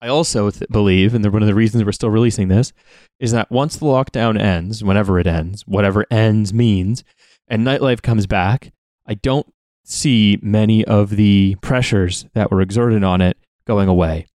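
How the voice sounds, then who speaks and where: A man hosting a podcast, speaking alone in a casual, somewhat halting and rambling introduction. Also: on the low side, darkish tone, no room sound, studio quality. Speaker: podcast host.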